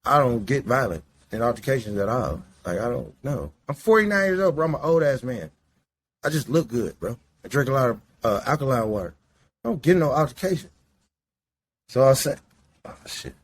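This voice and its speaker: This man in his late forties, a Midwestern podcaster, smokes indoors and rambles profanely in a relaxed monologue. His mid-range voice swings widely in pitch and runs a little fast.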